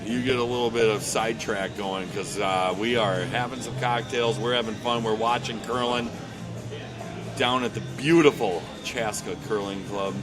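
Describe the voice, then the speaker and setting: A man's voice: fairly low pitch, fairly even intonation, normal speed, over music. Joking man doing curling color. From Minnesota. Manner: chatty and joking, laughs often. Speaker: color commentator. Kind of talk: casual sports commentary. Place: indoor curling center. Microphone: shared desk mic.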